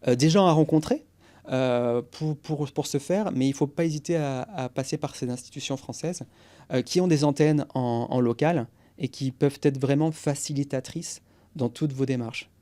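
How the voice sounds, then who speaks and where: A man's voice: medium pitch, moderate pace, dark tone. A man in his forties, a guest on a podcast interview, explaining go-to-market strategy with energy and English business jargon.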